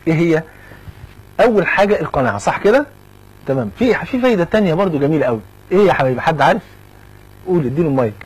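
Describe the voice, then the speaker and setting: A man's voice: on the high side, animated, rapid-fire, pauses often, breathy edge, poor audio. A man with an Egyptian accent teaching children, chatty and joking. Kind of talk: talking to children.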